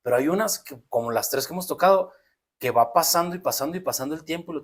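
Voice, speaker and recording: Mexican man, podcast co-host, reflective explainer, slightly high-pitched. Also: fast talker. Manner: reflective, explains at length with many restarts. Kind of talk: casual podcast conversation.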